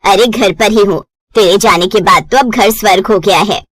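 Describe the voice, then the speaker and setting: A blunt middle-aged mother, played by a woman teases her daughter in a lower, steadier cartoon voice. She jokes dryly and keeps her talk plain. The recording is close and dry. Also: moderate pace, no room sound, natural voice. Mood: joking.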